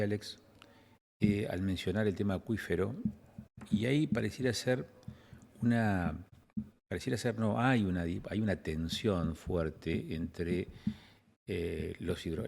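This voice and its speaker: A man's voice: deep voice, vocal fry, a little mellow, slightly rough. A man, a news host asking long, winding interview questions.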